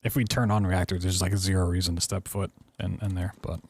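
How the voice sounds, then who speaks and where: Laid back speedrun guy thinking out loud, lowish voice, lots of fry. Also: little pitch movement, a little fast, no echo, studio quality. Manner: informal, thinking aloud. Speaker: speedrunner, game streamer. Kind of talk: casual gameplay commentary.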